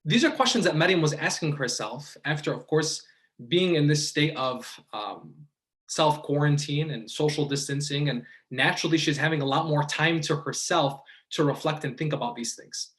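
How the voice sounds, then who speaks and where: An American man from Michigan's Detroit and Dearborn area gives a reflective religious lecture, deliberate, with pauses and rhetorical questions. His voice is fairly high with a fairly bright tone.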